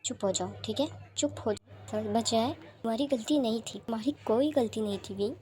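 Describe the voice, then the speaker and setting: A woman voicing a calm, protective young man who speaks softly and low to comfort his crying lover. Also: brisk, close to an everyday voice. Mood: soothing. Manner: soft, low, hushed and soothing.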